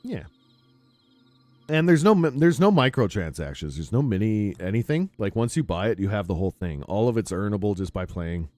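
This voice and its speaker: A man streaming a game, chatting casually and rambling with frequent laughs into a close mic on a boom arm. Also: moderate pace, no room sound, faint music behind. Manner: rambling, relaxed, laughs often. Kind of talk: casual chat while gaming. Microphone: close studio mic on a boom arm.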